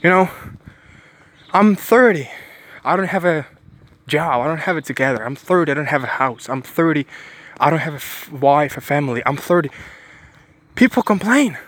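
A man's voice: on the high side, expressive, normal speed, pauses often, fairly bright tone. A man giving a preachy motivational monologue, stressing points by repeating phrases and often restarting his sentences. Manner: rambling with frequent restarts.

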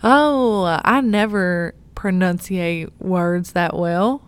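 A woman's voice: lowish voice, very slow, smooth, no echo. A young adult woman youth pastor giving an earnest, encouraging devotional talk, laughing at herself now and then.

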